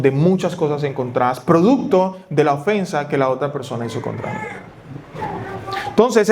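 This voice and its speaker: Spanish-speaking pastor preaching conversationally. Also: male voice, a little high, a little hiss or hum. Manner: conversational, asks and answers his own questions. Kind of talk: sermon. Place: church.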